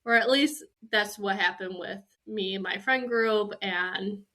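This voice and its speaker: A young woman hosts a podcast, chatting casually and candidly with lots of "like" fillers. Her voice is medium-pitched and sharp, unhurried, and slightly nasal from a cold.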